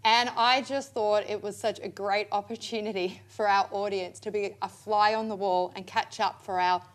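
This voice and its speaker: A woman's voice: mid-range voice, steady tone, moderate pace. A woman hosting an interview show, upbeat and chatty with her guest. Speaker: host. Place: acting studio.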